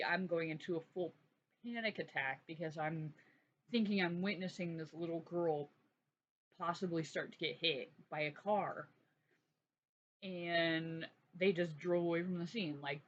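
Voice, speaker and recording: A woman hosting her own channel, telling a personal story in a halting, earnest way with many restarts. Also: lowish voice. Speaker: art channel host. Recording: dull lo-fi sound with faint noise.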